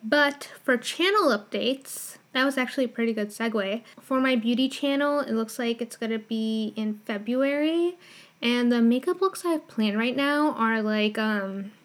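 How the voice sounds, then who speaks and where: A woman hosting a solo podcast in a fairly high voice with a clear lisp. She talks in a casual, chatty way, sprinkling in informal filler words like "like" as she goes. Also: normal speed. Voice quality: strong lisp. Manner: informal, filler-heavy with frequent "like". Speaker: podcast host.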